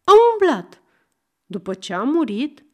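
A woman's voice: fairly high pitch, lively intonation, natural voice. Woman doing an exasperated old judge. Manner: shouting, questioning, exasperated. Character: stern weary old male judge.

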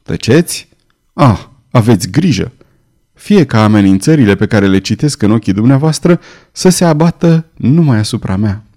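Male reader as a trembling young noblewoman, fearful and pleading, mellow tone. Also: fairly low pitch, expressive. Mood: anxious. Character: timid young woman in love, fearful.

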